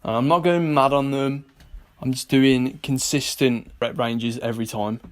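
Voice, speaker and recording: A British man chats straight to his viewers in a relaxed vlog, mid-pitched and ordinary in tone. He is blunt and jokey, swearing freely as he gives fitness tips. Much of it is recorded indoors at a gym. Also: a little slow. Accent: British English. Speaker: vlogger and personal trainer. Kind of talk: casual vlog chat.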